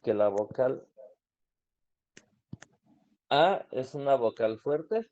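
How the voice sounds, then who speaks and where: A man's voice: medium pitch, animated, extremely slow, a little mellow. A man teaching an online grammar class, explaining patiently and asking students questions. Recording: dull lo-fi online class audio.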